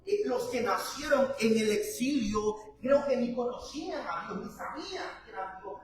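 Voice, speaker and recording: A man preaching a sermon as pastor, addressing his congregation with emphatic repetition and building to loud, shouted peaks. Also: high voice. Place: church sanctuary. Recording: very echoey church hall, voice from far off.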